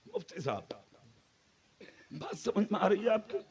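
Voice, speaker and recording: A man giving a fervent religious sermon at a night gathering. He shouts on key lines and jokes with his listeners in between. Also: high-pitched, sing-song, a little slow. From Moradabad, India. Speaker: Islamic preacher.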